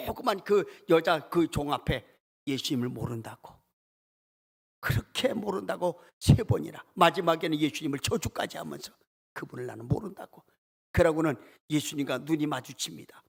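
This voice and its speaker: A male pastor delivers a heartfelt sermon with a gravelly, husky voice. His pitch swings widely, climbing high on emphatic phrases and sinking low and soft. He reads and retells scripture with emotional emphasis. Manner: emotional preaching with sudden pitch leaps and dramatic drops. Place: church sanctuary.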